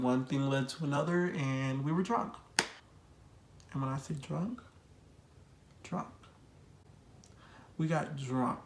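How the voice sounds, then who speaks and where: A young adult vlogger tells a personal story in casual, slang-heavy chat and repeats phrases for emphasis. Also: mid-range voice. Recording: echoey room.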